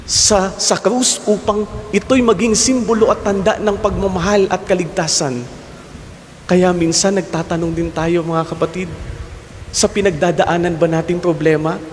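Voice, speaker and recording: A young man with a Filipino accent, a priest giving an earnest homily in a small chapel, slipping English phrases into his sermon. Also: high voice. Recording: long hall reverb, faint noise.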